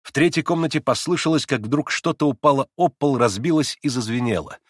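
A man reading a novel aloud as an audiobook narrator, with expressive, dramatic delivery. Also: medium pitch, fairly quick, dry recording, studio quality. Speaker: audiobook reader.

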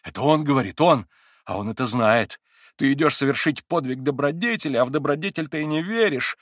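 A man voicing a feverish, tormented young man in an audiobook, husky and agitated, rising into anguished outbursts. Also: medium pitch, expressive, brisk, a bit bright, no room sound, clean studio sound, pitched above the performer's own voice. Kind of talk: audiobook character reading.

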